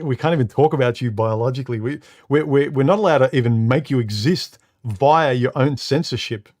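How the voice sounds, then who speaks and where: Reading viewer comments during a home live stream, this host speaks in a deep voice that sounds a little muffled through his studio mic. His casual speech stumbles along, with repeated words, lots of "uh"s and "um"s, and sentences that take a moment to come together.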